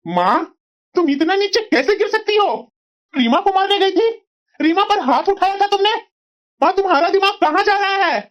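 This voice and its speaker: A woman's voice: extremely high pitch, expressive, normal speed. A woman voicing an exasperated grown son and husband in a cartoon drama, reproachful and questioning. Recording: dull lo-fi audio.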